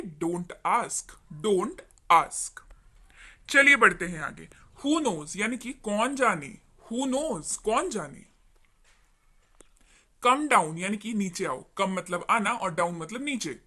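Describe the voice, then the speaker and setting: A woman teaching everyday English phrases in Hindi. She says each phrase slowly, repeats it, then explains it and asks the viewers questions. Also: fairly high pitch, sharp tone. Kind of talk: spoken English lesson.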